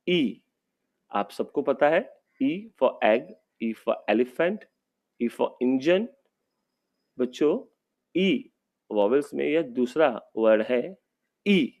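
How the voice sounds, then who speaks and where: A man's voice: mid-range voice, muffled recording. A male teacher giving an online class for young children, speaking patiently, often calling out to the kids and drawing out vowel sounds.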